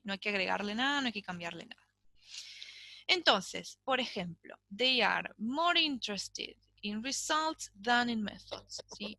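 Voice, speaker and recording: Bright-voiced teacher, frequent "¿sí?". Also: female voice, medium pitch, no echo. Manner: explains step by step, checks in with a frequent "¿sí?". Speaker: English teacher. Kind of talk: recorded online class.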